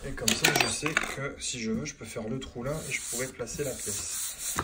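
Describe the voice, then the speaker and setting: Male tradesman, plumber type, mid-pitched, talking loosely to camera while he works, recorded on a handheld phone with clear site noise and clicks behind him. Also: fairly even intonation, moderate pace. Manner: chatty and informal, keeps saying "tu vois" to the viewer. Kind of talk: casual on-the-job how-to. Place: indoor building site under renovation. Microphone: phone held in hand while working.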